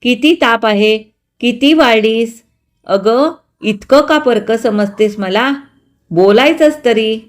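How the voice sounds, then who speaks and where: A caring older neighbor woman fusses over someone in a concerned voice, as a woman storyteller puts her on. Her words come slow and insistent. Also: on the high side, pitched above the performer's own voice. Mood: worried. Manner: fussing, concerned.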